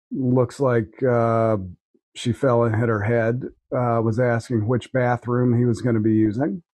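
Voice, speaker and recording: Male, mid-range voice, halting sardonic delivery, casual conversation, dry recording. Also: mid-range voice, a little mellow, dry recording. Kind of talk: casual chat.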